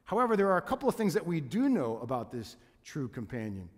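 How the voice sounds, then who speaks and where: A man's voice: fairly high pitch, wildly swooping pitch, fast. A man pastor preaching a sermon in earnest, with frequent restarts and repeated words. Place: church sanctuary. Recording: long reverb of a church hall.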